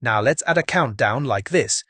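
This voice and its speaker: A man's voice: mid-range voice, lively intonation, moderate pace, bright, forceful tone, breathy edge, no room sound. A man hosting a casual, step-by-step video tutorial, upbeat and chatty with jokey asides to his viewers.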